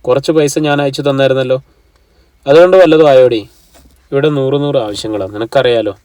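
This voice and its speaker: A man's voice: mid-range voice, fast talker, darkish tone, no room sound, recorded from a distance, close to an everyday voice. Man doing a scolding, weary village mother. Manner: scolding, complaining. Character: worn-out, scolding middle-aged village mother.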